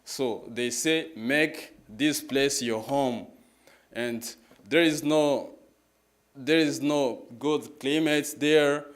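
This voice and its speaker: As a guest speaker at a church, a man in his twenties with a Congolese accent shares his personal testimony as a public talk. He speaks haltingly in a mid-range voice, repeating his phrases in plain words.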